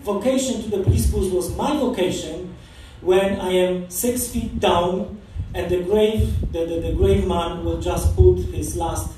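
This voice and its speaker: Recorded from far off by a camera across a large, echoing church hall, a Polish man in his forties, a priest with a Polish accent, delivers a casual homily rich in stories and laughter. His voice is high, steady and dark, a little slow with hardly any pauses, and there's slight background noise.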